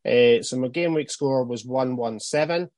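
A man's voice: medium pitch, unhurried, a little mellow, dry recording, studio quality. A man chatting casually about fantasy football as a podcast panelist.

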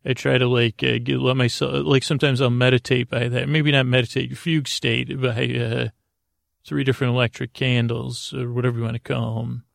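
A man hosts a sleep podcast with a rambling, whimsical bedtime monologue, halting and full of silly asides and interruptions of himself. His mid-range voice is gravelly and creaky with a level tone, recorded in studio quality with no room sound.

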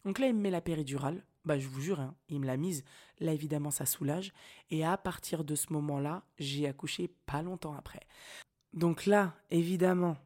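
A young woman hosting a podcast, telling a personal story in a casual, slangy, animated way and laughing often. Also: low-pitched, moderate pace. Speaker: podcast host.

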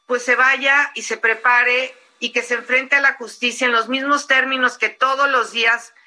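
A woman with a Mexican accent, speaking forcefully and emphatically as a guest in an interview. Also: sits high, steady tone, moderate pace, poor audio.

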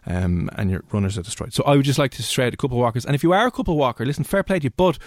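A man's voice: medium pitch, expressive, racing, no echo. An Irish man presenting an evening radio show in a chatty, jokey, colloquial way. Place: radio studio.

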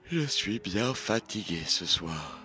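A woman voicing a tired, gentle old male reindeer in a storybook, speaking wearily. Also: rumbling low, lively intonation, slow, pitched below the performer's own voice, full character voice. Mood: weary. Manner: weary, yawning.

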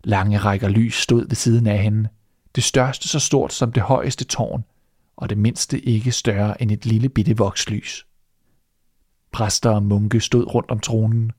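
A man reading a fairy tale aloud as storyteller, in steady narration. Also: on the low side, dry recording, studio quality.

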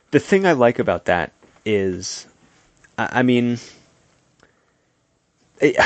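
An easygoing man co-hosting a comic book podcast, with a fairly low voice. He chats loosely and laughs often. The sound is dry and close to the mic. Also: no room sound. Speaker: podcast co-host. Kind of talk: casual chat.

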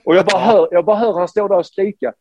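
A man from Sweden, a former hockey player, telling an animated anecdote with many restarts. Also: high voice, no room sound, highs cut off. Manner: animated storyteller, many restarts, quotes others.

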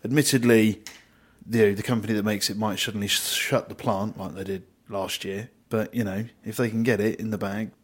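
A man's voice: fairly low pitch, fairly even intonation, a little fast, husky. A man chiming in to a casual market chat, confident and matter-of-fact.

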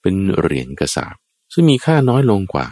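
Deep-voiced lively Buddhist preacher. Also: male voice, a little fast, no room sound. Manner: lively and colloquial, addresses the listeners. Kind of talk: sermon with storytelling.

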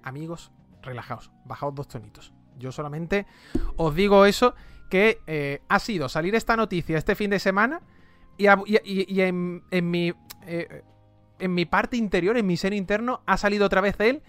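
A man's voice: high voice, normal speed, fairly bright tone, smooth, no room sound, soft background music. A man with a light Andalusian accent, chatting animatedly as a podcast co-host and laughing often. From Andalusia, Spain. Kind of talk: casual gaming chat.

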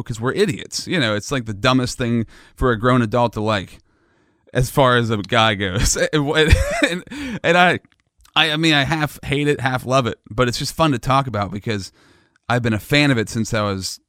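A man's voice: mid-range voice, a bit bright, dry recording, clean studio sound. A man hosting a podcast, chatting casually, self-deprecating and laughing easily. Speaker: podcast host. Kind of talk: casual chat.

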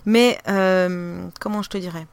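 A woman's voice: on the low side, fairly even intonation, a little slow, clear, resonant tone. A woman, a podcaster, with a regional French accent, chatting loosely in an interview with lots of fillers and restarts. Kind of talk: casual interview chat.

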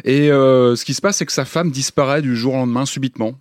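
A man talking casually as a podcast co-host, often pausing to search for words. His delivery is tentative and relaxed. The recording is dry and close to the mic. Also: mid-range voice, no echo. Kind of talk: casual chat.

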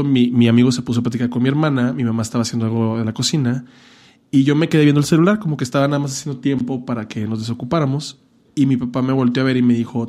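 Hombre de acento mexicano; conversación casual, directo, groserías y humor camp en sus consejos. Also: male voice, medium pitch, mellow. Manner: frank, profane, earnest advice with campy asides. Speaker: podcast guest telling his coming-out story. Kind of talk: casual chat.

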